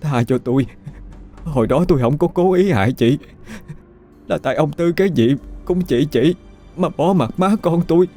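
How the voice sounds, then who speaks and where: Guy putting on a scared guilty stepmom, stammering, high and mellow. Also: animated, moderate pace, faint music behind. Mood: frightened pleading. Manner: stammering, pleading. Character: guilty scheming stepmother, frightened, begging.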